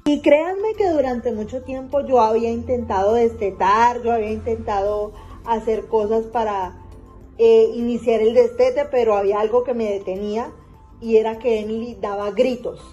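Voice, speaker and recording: A woman's voice: a little high, normal speed, dark tone, dull audio, soft background music. A woman telling a first-person story in an emotional, dramatic way, repeating and circling back on her words. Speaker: narrator of a fan story.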